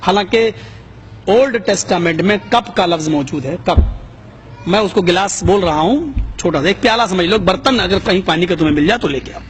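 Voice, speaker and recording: High-voiced man telling a sermon story. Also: a little hiss or hum. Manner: dramatic, rising pitch for quoted voices. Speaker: preacher.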